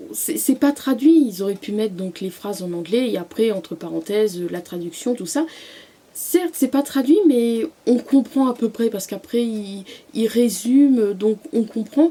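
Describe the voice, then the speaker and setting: A young woman talks through her favourite books in a relaxed vlog. Her voice is mellow and a little husky. She hesitates a lot, restarting sentences and filling pauses as she goes. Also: a little high. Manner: hesitant, many fillers and restarts. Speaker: book vlogger. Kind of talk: casual book review vlog.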